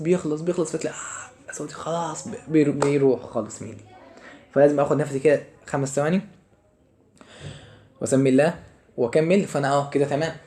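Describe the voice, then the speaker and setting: A man's voice: fairly high pitch, darkish tone. A young Egyptian man teaching a lesson, chatty, asking and answering his own questions and running short of breath. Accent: Egyptian Arabic. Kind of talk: lecture to students.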